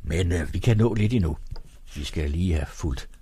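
A man hosting a radio program, reading a novel aloud as a serial with unhurried spoken asides between passages. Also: low-pitched, dark tone, slight background noise.

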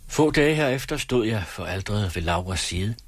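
A man narrating a first-person story with a husky voice in a measured, earnest manner. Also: on the low side, lively intonation, dry recording.

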